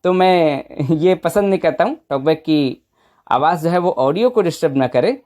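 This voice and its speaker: A woman's voice: sits low, expressive, moderate pace, warm tone. A woman presenting an informal step-by-step phone tutorial, conversational and often checking in with short tag questions.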